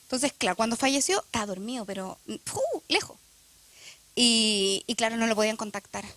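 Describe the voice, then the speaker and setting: A woman's voice: fairly high pitch, a little fast, fairly bright tone. A young woman, speaking reflectively and with emotion in a church testimony interview, often hesitating with fillers.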